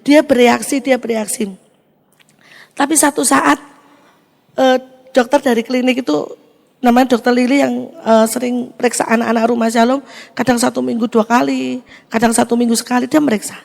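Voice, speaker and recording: A woman giving an emotional testimony in church, animated and acting out the dialogue. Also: on the high side, normal speed, vocal fry, long pauses. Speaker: testimony speaker.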